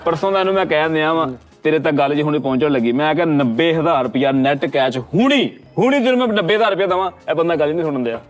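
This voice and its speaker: A man in a comedy sketch, pleading and bargaining in rapid banter. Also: fairly high pitch, animated, soft background music.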